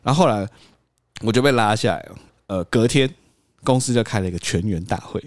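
A man's voice: lowish voice, a little fast, no echo, clean studio sound. A young man telling a workplace story on a podcast, acting out quotes and laughing often. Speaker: podcast host. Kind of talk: casual storytelling chat.

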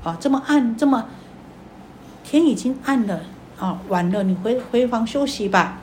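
A woman voicing an old male Zen master who asks slow, probing questions in a Buddhist teaching story. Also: fairly high pitch, animated, a little mellow, a little hiss or hum, lightly acted. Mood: gentle.

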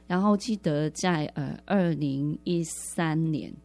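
A woman's voice: low voice, slow pace, darkish tone. A woman sharing her personal faith testimony in a radio interview, earnest and reflective, often restarting her words.

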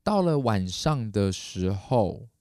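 A man's voice: slow pace, dry recording, studio quality. A man, hosting a podcast and telling a story casually, acting out the voices of the people in it. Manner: animated, acts out quoted voices with big pitch jumps. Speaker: podcast host.

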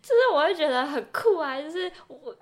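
Speaking fairly quickly in a high-pitched voice, a podcast co-host with a Taiwanese Mandarin accent tells personal stories in casual chat. The young woman is animated, voicing other people's lines and her inner thoughts as she goes.

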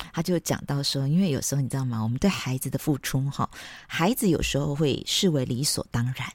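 A woman hosting a parenting podcast, chatty and sprinkled with soft laughs. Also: low voice, dry recording. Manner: chatty, with frequent soft laughs and tag particles. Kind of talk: casual podcast monologue.

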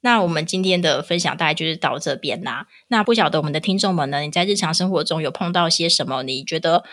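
A woman's voice: deep voice, fast. A woman with a Taiwanese Mandarin accent hosting a casual, opinionated podcast, telling stories animatedly and acting out what people say. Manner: animated storytelling, acting out quotes. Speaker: podcast host.

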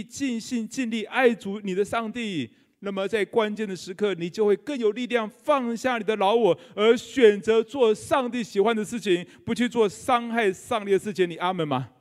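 Male pastor, middle-aged, Taiwanese Mandarin accent, high voice, jokey conversational sermon style that keeps quizzing the pews. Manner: humorous, conversational, quizzes the congregation. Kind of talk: live sermon. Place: church sanctuary.

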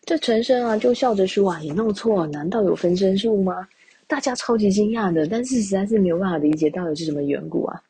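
Gravelly, husky woman storyteller. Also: medium pitch, quick pace, dark tone. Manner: reads classical lines then explains with chatty asides. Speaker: podcast storyteller. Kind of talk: reading classical text then retelling it casually.

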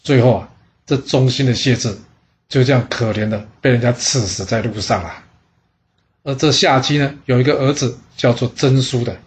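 A man hosting a storytelling podcast, telling history in a chatty, lively way. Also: medium pitch, moderate pace, a little hiss or hum. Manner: chatty, lively storyteller voicing characters in dialogue. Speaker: storyteller host.

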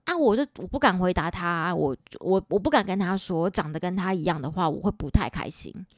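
Taiwanese-accented woman podcast host, 40s, lively storyteller, dry close recording. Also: on the low side, a little fast, no room sound. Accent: Taiwanese Mandarin. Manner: animated, chatty, dramatic retelling with quoted dialogue.

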